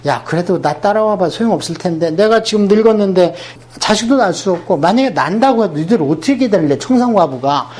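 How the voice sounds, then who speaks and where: A man's voice: sits high, expressive, quick pace, darkish tone. A man voicing a weary old widow. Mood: resigned. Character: weary old widow pleading with daughters-in-law.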